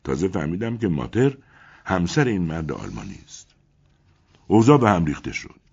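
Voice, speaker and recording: A man narrating a story in an expressive, dramatic reading. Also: low-pitched, gravelly, husky, muffled recording. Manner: expressive, rising and falling storytelling. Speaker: audiobook narrator.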